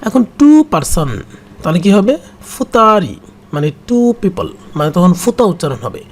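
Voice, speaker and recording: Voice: medium pitch, very animated, normal speed, a little mellow. A language teacher explaining kanji in a patient way, repeating each word several times.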